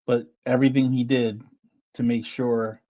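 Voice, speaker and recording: A man's voice: medium pitch, level tone, normal speed, dark tone, muffled recording. A man co-hosting a podcast, chatting casually and teasing his partner as he argues his view. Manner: teasing, argumentative. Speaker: podcast co-host. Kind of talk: casual chat.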